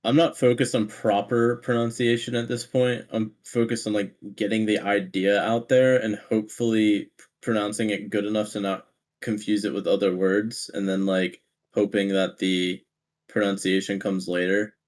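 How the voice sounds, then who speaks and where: A man's voice: fairly low pitch, level tone, normal speed, darkish tone. A man co-hosting a podcast in casual chat, rambling with frequent restarts and easy laughs. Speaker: podcast co-host.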